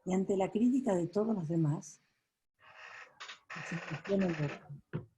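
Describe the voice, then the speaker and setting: A woman coach, telling a story to her audience with a soft, slow delivery. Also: on the low side, a little hiss or hum, rough recording.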